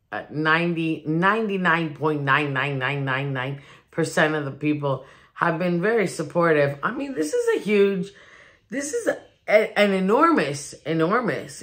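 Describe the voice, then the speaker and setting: A woman's voice: lowish voice, a bit bright. Chatty woman vlogging at home. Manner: chatty, rambling, with many restarts. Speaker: DIY vlogger. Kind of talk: casual chat to camera. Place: new home, indoors. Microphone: phone on a ring light.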